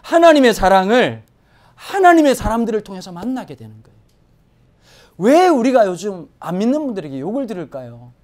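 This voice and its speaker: Animated woman preaching a Sunday sermon. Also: medium pitch, a little fast. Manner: animated, swings from hushed to emphatic exclamations. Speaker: pastor. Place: church sanctuary.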